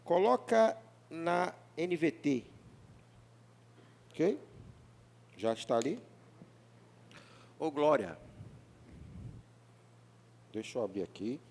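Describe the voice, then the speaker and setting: A man preaching a sermon as pastor in a church, with a Rio de Janeiro Brazilian Portuguese accent, talking in an animated, joking way and often asking the congregation questions. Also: fairly high pitch, extremely slow, creaky, pauses often, a little hiss or hum. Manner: animated, jokey, mimics congregants, often asks the crowd. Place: church hall.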